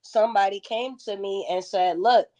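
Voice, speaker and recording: A woman's voice: mid-range voice, moderate pace, darkish tone, highs cut off. A woman in her thirties, a guest in a casual interview, telling stories bluntly with plenty of profanity. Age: 30s.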